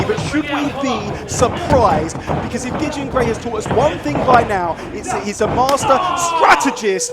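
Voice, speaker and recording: A man giving excited, emphatic play-by-play as a wrestling commentator, with dramatic repetition. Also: extremely high pitch. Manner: emphatic, dramatic, repeats phrases for effect. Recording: loud crowd noise behind. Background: loud wrestling crowd.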